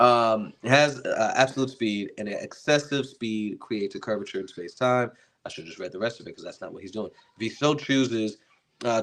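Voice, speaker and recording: A young man hosting a casual commentary stream, reading fan-written character entries aloud and stumbling over long invented words, then thinking aloud about them. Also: on the low side. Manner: reads quoted text, then adds his own remarks. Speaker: host.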